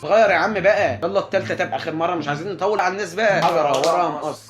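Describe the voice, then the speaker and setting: A man with an Egyptian Arabic accent hosting a casual challenge video, chattering with excitement. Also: high-pitched. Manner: excited, rapid-fire chatter. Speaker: YouTube host. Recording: echoey room with loud music.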